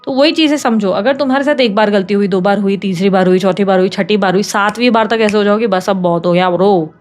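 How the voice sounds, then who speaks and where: A woman reading tarot in a casual chat to her viewers, talking fast, teasing and scolding them like a big sister. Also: medium pitch, steady tone, darkish tone, faint music behind. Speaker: tarot reader.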